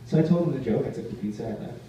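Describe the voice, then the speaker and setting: A man's voice: medium pitch, lively intonation, rapid-fire, warm tone. Stand-up comic man in an echoey room. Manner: storytelling with acted quotes of other people. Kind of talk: stand-up routine. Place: live cafe venue. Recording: very echoey room, distant mic, noisy ambience.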